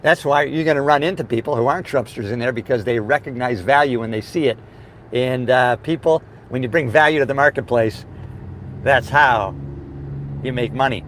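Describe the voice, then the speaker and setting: A man's voice: medium pitch, normal speed. A man giving an upbeat, emphatic motivational chat to his audience while driving. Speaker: motivational vlogger. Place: inside a moving car. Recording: steady car and road noise. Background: car and road noise.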